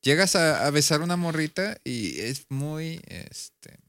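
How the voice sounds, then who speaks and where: A man's voice: on the high side, very animated, slow, a bit bright, no room sound. A man with a Mexican accent co-hosting a casual podcast, joking around and then reading news notes aloud. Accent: Mexican Spanish. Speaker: podcast co-host presenting a news item.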